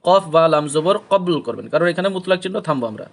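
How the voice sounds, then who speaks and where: A man with a Bengali accent teaching Quran recitation, who chants verses slowly with long drawn-out vowels and then explains pronunciation rules in quick spoken asides. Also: high voice, expressive.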